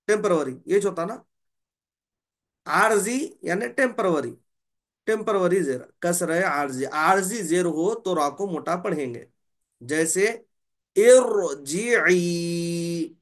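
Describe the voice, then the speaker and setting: A man teaching a Quran recitation class, patiently explaining rules and slowly stretching out example words. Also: sits high, fairly bright tone. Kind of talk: online tajweed class.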